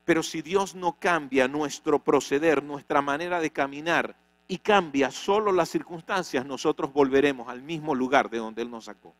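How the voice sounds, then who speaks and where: Male pastor, high-ish voice, dry sound, dramatic sermon delivery. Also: moderate pace, no room sound. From Venezuela. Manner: dramatic, rhetorical questions, acts out quoted voices. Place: church.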